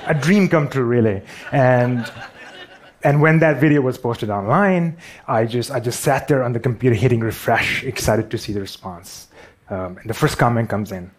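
A man's voice: medium pitch, normal speed. A man with a Pakistani accent giving a storytelling talk on stage, wry and self-deprecating.

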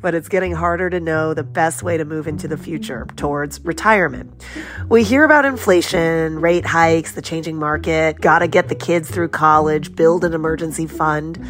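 A woman reading scripted ads for a podcast in a smooth, upbeat promotional delivery. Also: low-pitched, normal speed. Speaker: ad reader for a podcast. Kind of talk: scripted ad read.

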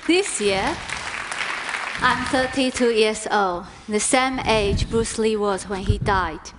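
A woman giving an expressive, deliberate staged talk performance. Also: medium pitch, crowd noise, noisy background.

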